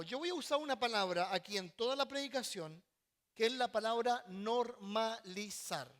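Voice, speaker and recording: A man pastor preaching a sermon, often repeating words and pausing mid-sentence before stressing his points. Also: sits high, fairly bright tone. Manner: halting, repeats words while searching, then stresses points.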